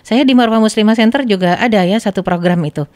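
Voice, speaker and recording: A woman's voice: medium pitch, quick pace. A middle-aged woman, a religious teacher on a podcast, telling stories and acting out the dialogue with animation. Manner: animated storyteller quoting dialogue.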